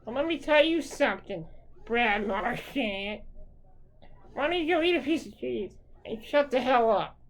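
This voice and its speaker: A woman's voice: on the high side, expressive, unhurried, rough recording. A woman hockey fan delivering an angry, profane rant straight to the camera.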